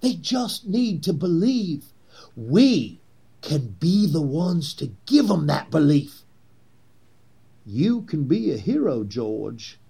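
A man's voice, on the high side, sing-song, gravelly, dark and slightly rough, rouses listeners in a heavily acted turn as a grandiose Confederate conspiracy leader in an 1860s drama. He pleads persuasively and theatrically with emphatic pauses.

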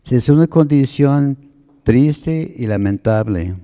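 A man preaching, taking his time as he explains words one by one. His voice is very dark and mellow, sitting at an ordinary pitch for a man. He speaks slowly and deliberately. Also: expressive, smooth. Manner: slow, deliberate, explains word meanings. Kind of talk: sermon teaching.

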